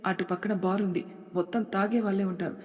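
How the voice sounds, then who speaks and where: An emotional, earnest young man in a storybook drama, read by a woman narrator. His lines press forward with urgency and stay at a middle pitch. The recording has a long, roomy reverb. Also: steady tone, brisk, darkish tone, close to an everyday voice. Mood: urgent. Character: young rich man, anxious, emotional son.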